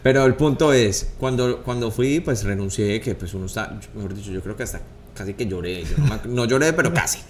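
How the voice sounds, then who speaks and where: A man's voice: lowish voice, lively intonation, a little fast, a little mellow, a little hiss or hum. A man, co-hosting a casual chat and telling stories earnestly, with many fillers.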